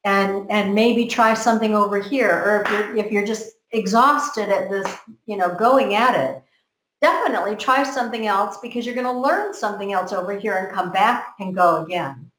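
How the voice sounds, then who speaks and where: A woman's voice: mid-range voice, normal speed, fairly bright tone, a little hiss or hum. Earnest American woman in echoey room. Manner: earnest, repeats words while thinking. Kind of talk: motivational group chat. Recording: roomy echo.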